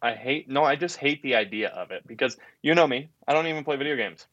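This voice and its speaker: A man's voice: medium pitch, lively intonation, fast talker, fairly bright tone, highs cut off. A young man co-hosting a podcast in casual chat, teasing and blunt with his friend. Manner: teasing, blunt, laughs easily. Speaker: podcast co-host.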